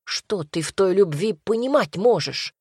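A woman voicing a worried mother who frets and laments softly. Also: mid-range voice, animated, a little slow, breathy edge, no room sound, studio quality. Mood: fretful. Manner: fretful, lamenting, hushed.

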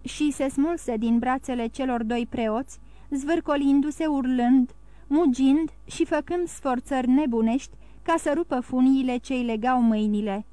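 High-voiced woman narrating an audiobook. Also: no echo. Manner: steady, even storytelling. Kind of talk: scripted narration.

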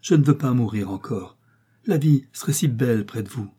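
A man's voice: mid-range voice, lively intonation, normal speed, mellow, slightly rough. A man voicing a desperate, lovesick young nobleman, pleading in impassioned, declaimed lines. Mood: anguished.

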